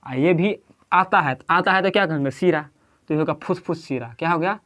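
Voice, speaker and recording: His voice is a little high and a bit bright, and he talks fairly fast while lecturing in a Bihari Hindi accent. He draws at a board, quizzes the students often, and repeats the key terms.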